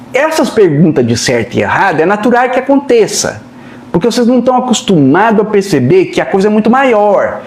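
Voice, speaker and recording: A high-voiced Brazilian man giving a channeled spiritual lesson on a live stream. His pitch swings widely, and he is chatty, with a "né?" tacked on again and again. The recording has a roomy echo. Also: darkish tone. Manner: colloquial and chatty, tags lines with "né?"; acts out other people's voices in quotes. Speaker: medium channeling a spirit teacher.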